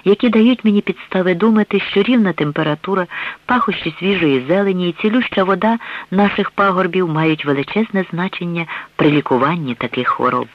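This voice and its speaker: A man reading as a gentle, soothing country doctor. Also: high-pitched, a little fast, pitched above the performer's own voice, lightly acted. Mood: polite. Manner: soothing, polite, reassuring. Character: gentle optimistic middle-aged male country doctor. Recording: dull dry radio recording.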